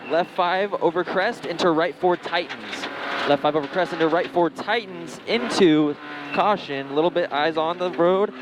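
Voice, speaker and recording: Higher-voiced man calling rally notes over engine roar. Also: moderate pace. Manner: clipped, repetitive callouts with numbers. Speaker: rally co-driver. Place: inside a moving rally car. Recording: very loud race car engine noise. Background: engine roar, tire squeal, car noise.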